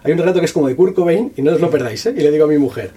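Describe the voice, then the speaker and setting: A man, an author talking about his book at a bookshop event in fast, slangy, profane speech full of restarts. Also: fairly high pitch, warm tone, breathy edge. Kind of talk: casual talk at a book presentation. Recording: distant voice with faint room noise.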